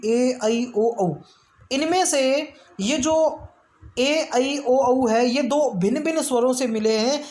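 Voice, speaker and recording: A woman teaching an exam-prep grammar lesson, explaining step by step and asking and answering her own questions. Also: high-pitched. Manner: draws out vowel sounds slowly to demonstrate; frequent check-ins of "theek hai".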